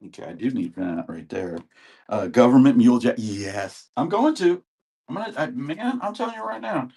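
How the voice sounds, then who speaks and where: This man in his sixties, still getting over an illness, has a mellow, husky mid-range voice with big swings in pitch and a moderate pace. Rambling in a casual way, he sells videotapes on a live auction stream and calls out to viewers by name.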